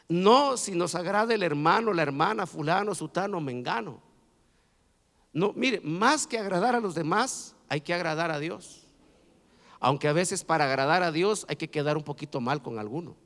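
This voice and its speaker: A man preaching a sermon as pastor, building to loud emphatic repetition, then dropping low. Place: church. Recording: reverberant church hall.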